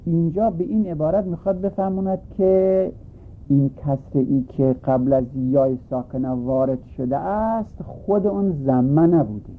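A man's voice: on the high side, a little hiss or hum. Man teaching over a tinny line. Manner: patient, repeats and rephrases points. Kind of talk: lecture explaining a grammar text. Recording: tinny phone-like recording.

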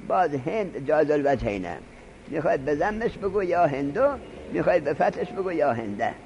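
A man lecturing a grammar class in a lively, swooping voice that sits a bit high for a man. He stresses points hard and stops to dictate notes to his students. Faint noise hangs under the recording. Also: dull audio. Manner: animated, emphatic teaching with dictation to students. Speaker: Arabic grammar teacher.

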